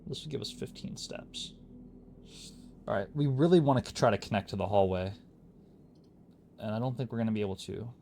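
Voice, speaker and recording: A man's voice: on the low side, fairly quick, vocal fry, pauses often, warm tone, a little hiss or hum. A man giving casual gameplay commentary, thinking aloud and muttering to himself as he plays. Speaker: gaming YouTuber.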